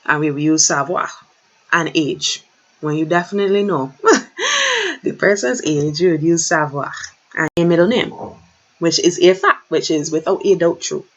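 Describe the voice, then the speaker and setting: Woman, French teacher, slow and patient, lower voice, dull lo-fi recording. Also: big pitch swings. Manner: slow, patient, repeats words for learners. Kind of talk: online language lesson.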